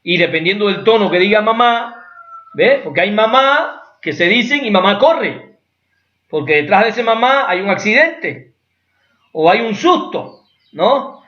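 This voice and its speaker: A man lectures in an explanatory way, often checking in with his listeners. His voice sits fairly high. The recording is roomy and somewhat muffled. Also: animated, moderate pace, pushed and bright. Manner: explanatory, with rhetorical asides and acted examples. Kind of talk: academic lecture. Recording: echoey room, dull lo-fi sound.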